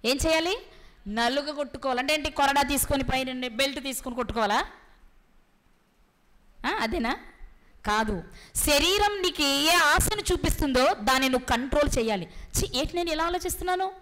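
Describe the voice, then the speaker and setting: A woman preaching a sermon with a Telugu accent, asking rhetorical questions and pausing for effect. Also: sits high, animated, a bit bright, a little hiss or hum. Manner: rhetorical questions, dramatic pauses.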